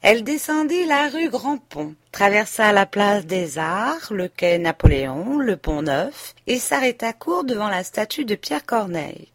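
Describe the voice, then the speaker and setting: In clean studio sound with no room sound, a mid-range female audiobook reader narrates a classic novel. Her scripted literary storytelling stays measured and even.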